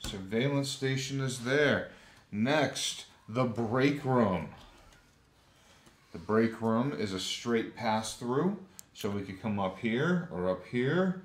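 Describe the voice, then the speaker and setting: A man's voice: medium pitch, animated, takes it slowly, roomy sound. A man casually walking through the rules of a board game step by step, thinking aloud as he lays out cards. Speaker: game designer explaining a board game. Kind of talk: casual explanation.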